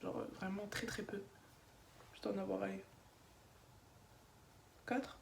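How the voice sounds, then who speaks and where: A woman's voice: mid-range voice, steady tone, a little slow, creaky. Young female beauty vlogger, slight slushy lisp, informal and opinionated chit-chat, roomy sound. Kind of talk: casual chatty makeup vlog, answering questions. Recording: echoey room with faint background noise.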